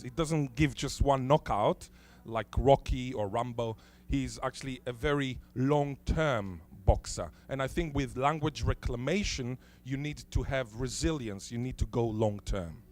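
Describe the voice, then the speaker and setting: A man whose native language is Hebrew gives a conference talk in a lecture hall, his voice medium-pitched with a darkish tone. He poses rhetorical questions and deliberately stresses key words.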